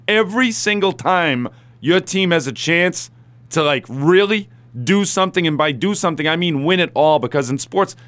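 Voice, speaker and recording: A man's voice: on the high side, fairly bright tone. A man hosting a sports radio talk show, giving opinionated commentary in a conversational way and addressing listeners directly.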